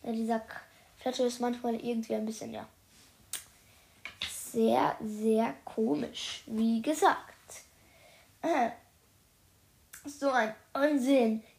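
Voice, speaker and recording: A woman reads a children's story aloud and keeps breaking off to chat with her viewers in slangy, playful asides. Her voice sits a bit high with a gravelly edge. The room adds a noticeable echo. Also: fairly even intonation, takes it slowly, pauses often, a little mellow. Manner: chatty, addresses viewers as "Leute", youthful slang. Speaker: streamer reading a book aloud. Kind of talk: casual reading aloud with chatty commentary. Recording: roomy echo.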